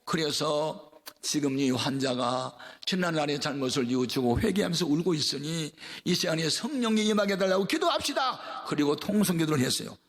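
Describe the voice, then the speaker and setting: A man pastor preaching a revival sermon, telling a story in a folksy way that builds into fervent preaching, with big swings in pitch and loudness. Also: brisk.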